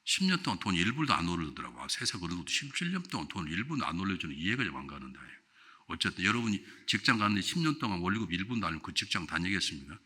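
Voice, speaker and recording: An older man preaching a revival sermon in a church, swinging from loud exclamations to quiet storytelling and putting questions to the congregation. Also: sits low, big pitch swings, rapid-fire, husky. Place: church sanctuary.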